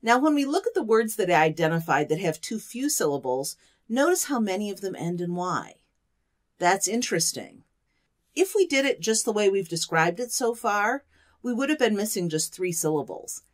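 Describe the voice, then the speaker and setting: A woman's voice: medium pitch, sing-song, moderate pace. A woman teaching an online programming course, explaining step by step and asking the listener to think along. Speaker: course instructor. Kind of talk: lecture.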